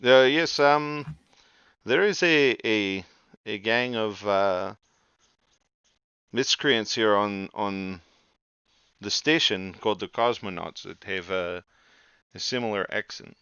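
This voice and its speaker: A man running a tabletop game as game master, halting with fillers, on a dull, lo-fi recording. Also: on the low side, sharp tone, smooth, no room sound. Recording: dull lo-fi dry sound.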